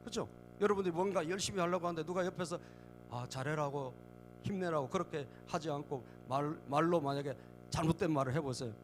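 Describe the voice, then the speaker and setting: Male pastor, fairly high voice, preaching and prodding the congregation, faint hum under it. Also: steady tone, fast talker, hardly any pauses. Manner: asks the congregation "예?" again and again; acts out mocking enemy voices. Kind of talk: sermon. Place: church sanctuary.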